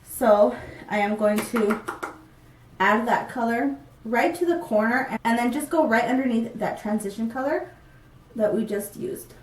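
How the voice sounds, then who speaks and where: Her voice fairly high and congested from a cold, a young beauty vlogger chats casually and measuredly through a makeup tutorial, peppered with ums. The distant mic in her small, plain-backdrop room picks up a roomy sound with slight hiss or hum.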